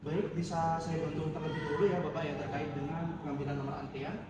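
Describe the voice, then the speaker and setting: Man acting as a fast, echoey customer service officer. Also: on the high side, level tone, lightly acted. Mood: polite, helpful. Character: courteous male court reception officer. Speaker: court front-desk officer. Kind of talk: acted demonstration role-play. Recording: very echoey, distant, loud background noise.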